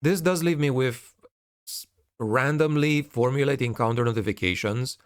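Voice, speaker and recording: A man's voice: mid-range voice, no room sound, studio quality. A man giving a casual video update, reading out messages and commenting on them, often repeating and restarting his phrases.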